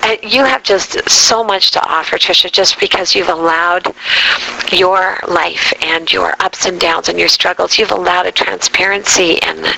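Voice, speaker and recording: A woman's voice: fairly low pitch, vocal fry, sharp tone, a little hiss or hum, low-quality recording. An older woman hosting a faith-based interview show, telling her story in an earnest, confessional way. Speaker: talk show host.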